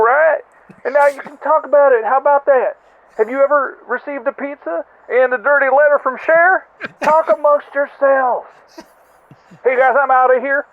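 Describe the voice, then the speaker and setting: Very high-voiced man on a tinny phone line. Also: no echo. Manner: chatty, rambling, full of "you know" and asides. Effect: heard over a landline phone voicemail. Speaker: caller leaving a voicemail. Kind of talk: rambling comic voicemail story.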